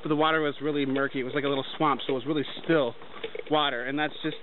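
Vlogging on a forest hike, a young man rattles off loose, rambling narration in a rapid-fire, steady tone, his voice on the high side. He holds the camera at arm's length, and its audio is tinny and lo-fi with faint noise.

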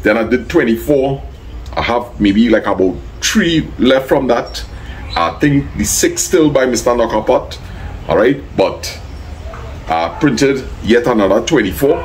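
Man, Trinidadian accent, casual vlog talk, middle pitch, faint noise behind. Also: lively intonation, a little slow, rough recording. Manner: easygoing, thanks people by name, gives plain advice. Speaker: vlogger.

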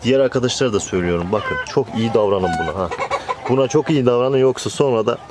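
A man's voice: medium pitch, lively intonation, fast. Playful man in a noisy coop. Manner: playful, chatty, coaxing the bird and addressing viewers. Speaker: poultry vlogger. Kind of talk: casual chat to camera. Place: outdoor poultry coop. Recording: clucking birds loud behind. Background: chickens and quails clucking.

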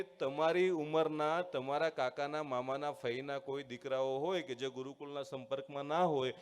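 A man who is a former student giving a motivational speech with a story to schoolchildren, earnest, acting out voices and slowing down for key points. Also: fairly high pitch, clear, resonant tone. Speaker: guest speaker, former student addressing schoolchildren. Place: large hall at a school event. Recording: long hall reverb.

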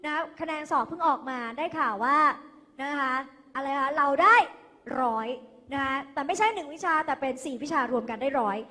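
A Thai woman teaching an English lesson to a class, lively and coaxing, leading the students through pronunciation drills. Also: high voice, fairly quick. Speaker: English tutor. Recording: echoey hall, phone recording.

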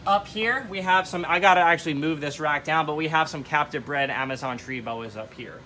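Young male tour host, slightly high, forceful bright voice, informal and enthusiastic, indoor showroom with background noise. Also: fairly quick. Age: young adult. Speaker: host giving a shop tour. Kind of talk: casual informal tour narration. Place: indoor showroom full of terrariums. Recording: clear background noise, terrarium room ambience.

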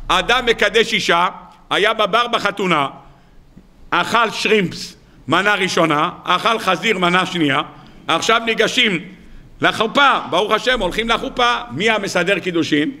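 A man's voice: high-pitched, sharp tone. A man, a rabbi, giving a weekly Torah sermon in a storytelling way, with humorous asides.

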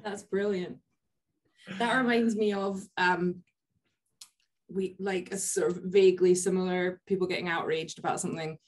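A Scottish woman in her 30s with a low voice, a podcast co-host from a family bakery, chats casually on a video call. She rambles through anecdotes full of ums and other fillers, keeping a steady tone at normal speed. The audio comes through a webcam in an indoor office hung with posters.

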